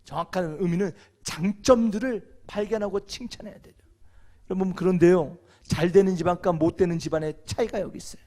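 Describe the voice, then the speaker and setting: A man with a high voice delivers a church sermon and keeps throwing questions back to his congregation. His tone is playful. He jumps from emphatic bursts to hushed, almost whispered asides. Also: brisk, hardly any pauses. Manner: call-and-response questions to the congregation. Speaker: senior pastor. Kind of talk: sermon at a marriage seminar. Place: church sanctuary.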